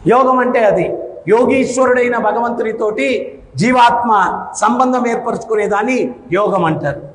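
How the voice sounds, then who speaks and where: A man giving a devotional sermon to an audience, speaking loudly and often asking "hmm?" to check they follow. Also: very high voice, normal speed. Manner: loud, with frequent questioning "hmm?" to the audience. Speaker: spiritual discourse speaker. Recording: echoey hall reverb.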